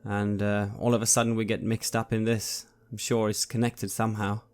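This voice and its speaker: Low-voiced man playing in character, hesitant. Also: level tone, normal speed. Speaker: player. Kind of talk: in-character tabletop role-play. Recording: faint music behind.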